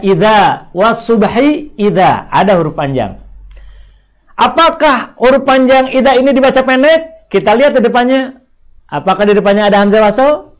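A man teaching an online Quran reading lesson, asking questions, repeating points and slowly drawing out example words. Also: sits high. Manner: asks questions and answers them himself, repeats points; stretches words out slowly when demonstrating readings.

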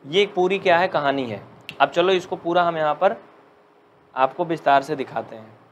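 A man teaching a live online maths class who jokes with students and dictates slowly. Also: fairly high pitch, highs cut off, slight background noise. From India. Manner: chatty, joking, dictates slowly.

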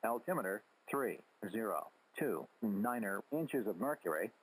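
A man reading an automated airport weather report in clipped, formulaic phrases over crackly aviation radio, with a husky voice. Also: lowish voice, expressive, measured pace.

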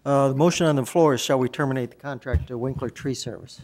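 A man chairing a city council meeting as mayor, moving through motions and votes in a brisk procedural manner. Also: mid-range voice, a little mellow, slight background noise. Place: council chamber, indoors.

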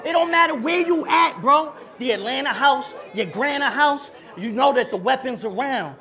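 An expressive, very high-pitched man in his thirties spits battle rap a cappella at normal speed on an indoor club stage, with a live crowd chattering behind. He taunts his opponent aggressively, shouting and repeating lines sprinkled with Spanish slang.

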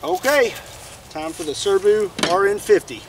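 A young man with a Kentucky accent hosts a shooting channel, narrating a casual outdoor demo in an open field. His voice is high and expressive, and he speaks unhurriedly, plainspoken and easygoing, thinking aloud. A camera mic, sometimes at a distance, picks him up over a noisy background.

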